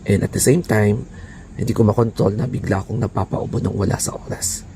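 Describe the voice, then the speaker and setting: A man vlogging casually with a hoarse, raspy voice, chatting and slipping in English words and breathy laughs. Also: lowish voice, level tone, brisk, mellow, slight background noise. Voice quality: raspy, croaky voice. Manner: chatty Taglish, mixing in English; laughs breathily between phrases. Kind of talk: casual vlog chat.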